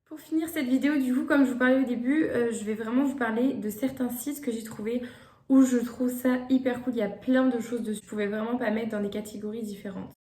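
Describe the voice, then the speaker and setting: Vlogging gift suggestions in an echoey room, a young woman speaks casually but hesitantly, with many fillers and false starts. Her voice is a little high and warm, with a steady tone and a brisk pace.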